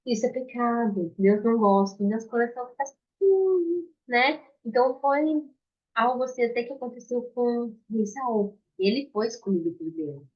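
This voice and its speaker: A Brazilian woman giving an informal Bible story lesson to children, explaining simply in halting phrases with questions to her young listeners. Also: a little high. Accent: Brazilian Portuguese. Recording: dull lo-fi sound.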